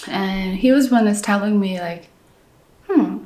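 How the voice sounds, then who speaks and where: In an echoey room, a South Korean woman of middle age, an architect, talks through her life during a reflective interview. Her medium-pitched speech carries a Korean accent and comes out haltingly, with soft fillers and frequent restarts.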